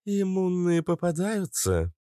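Haughty young nymph woman, voiced by a male narrator; high, imperious, mocking. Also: very animated, normal speed, a little mellow, no echo, clean studio sound. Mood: curious.

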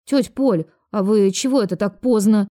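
A woman's voice: medium pitch, normal speed, mellow, close to an everyday voice. A woman voicing a suspicious, blunt grown daughter who mocks and threatens. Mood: hurried. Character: tall grown-up daughter, suspicious, gruff and mocking.

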